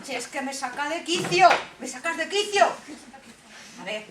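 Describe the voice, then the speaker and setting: Young woman playing a high-voiced wicked hag queen. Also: lively intonation, moderate pace. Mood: imperious, exasperated. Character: vain wicked fairy-tale queen turned cackling old hag. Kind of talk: theatrical children's fairy-tale stage play. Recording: echoey school stage, distant, audience noise.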